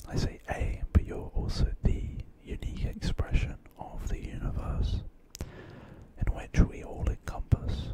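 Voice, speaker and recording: A man in his twenties gives a whispered, gentle and reassuring pep talk in a breathy, rambling ASMR style, close to the microphone. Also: unhurried, low-quality recording. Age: 20s. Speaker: ASMR creator. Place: small quiet bedroom. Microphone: close large studio microphone on desk.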